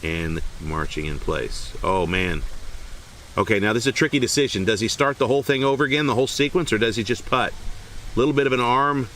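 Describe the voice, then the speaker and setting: A man giving playful, mock-serious play-by-play commentary, hyping small moments with deadpan drama. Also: medium pitch, a little fast, slight background noise.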